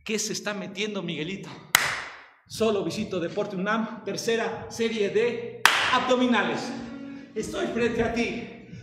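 A man's voice: high-pitched, measured pace, loud music behind the voice. A man with a Mexican Spanish accent leading a live online workout class, counting reps with playful cries and encouragement. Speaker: fitness instructor. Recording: roomy, distant mic with long reverb.

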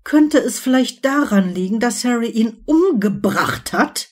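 A woman's voice: fairly high pitch, animated, takes it slowly, warm tone, husky, pitched above the performer's own voice, full character voice. A woman voicing a suspicious, bewildered teenage witch in an audiobook. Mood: accusing. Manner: accusing and confused.

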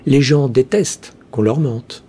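A man voicing a cheerfully cunning male heretic priest, speaking slowly in a smooth, almost chanting way. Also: medium pitch, mellow. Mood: sly. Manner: slow, smooth, chanting delivery.

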